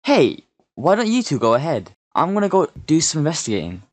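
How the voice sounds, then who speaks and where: A woman's voice: low voice, sing-song, brisk, darkish tone, dry recording. A woman voicing an easygoing, curious friend in a cartoon game story, with a casual manner. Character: easygoing, curious friend who likes investigating.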